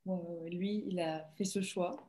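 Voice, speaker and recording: A woman, a guest actress, talking casually in an interview, relaxed and chatty with many fillers and restarts. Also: fairly low pitch, moderate pace. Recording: echoey room sound.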